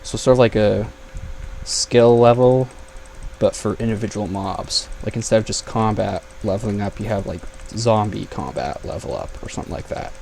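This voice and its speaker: Casting note: young male gamer, gravelly edge, chatty and thinking aloud, faint hiss behind. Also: lowish voice, normal speed, darkish tone. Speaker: gaming YouTuber. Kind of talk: casual gameplay commentary.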